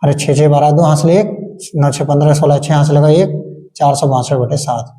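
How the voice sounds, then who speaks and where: A man's voice: on the high side, steady tone, a little fast, warm tone. A male maths teacher working board-exam problems step by step, asking questions and answering them himself. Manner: asks the class questions and answers them himself, chanting times tables. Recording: long hall reverb.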